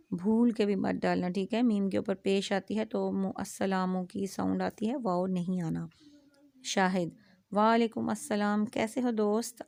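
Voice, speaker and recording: Creaky-voiced woman teaching an Urdu lesson. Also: medium pitch, mellow, no echo. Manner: explains slowly, spells words letter by letter; frequent "aa" fillers, asks "theek hai?". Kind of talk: classroom lecture.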